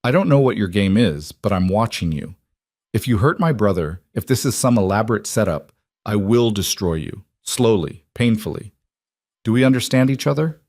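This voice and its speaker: A man's voice: on the low side, animated, normal speed, a little mellow, dry recording, clean studio sound. A man voicing a suspicious young society woman who probes and threatens coldly. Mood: menacing. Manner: probing, cold, menacing.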